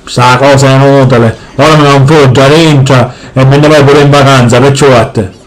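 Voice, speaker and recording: A man voicing a bossy, jealous cartoon father with a Sicilian accent, gruff and nagging in an amateur comic dub. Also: mid-range voice, fairly even intonation, moderate pace, voice pushed down, lightly acted. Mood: grumbling. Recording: noisy amateur home dub.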